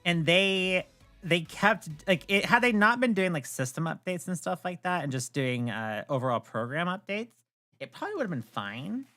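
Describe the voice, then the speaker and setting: With soft background music behind her, a woman with a lowish voice chats casually on a livestream at a moderate pace. The streamer and host is blunt and opinionated, spinning animated stories sprinkled with swearing.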